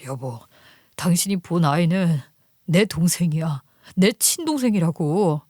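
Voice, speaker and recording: A woman voicing a calm husband who pleads softly with his angry wife. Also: measured pace, dry recording, studio quality. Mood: pleading. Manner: soft, placating, low-voiced. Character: calm pleading husband hiding a family secret. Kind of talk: storytelling radio drama reading.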